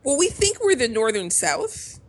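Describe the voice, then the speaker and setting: On this casual podcast, a female co-host with a Chicago accent speaks a little slowly in a rather high, very animated voice. Chatty and loose, she trails off mid-thought and starts again.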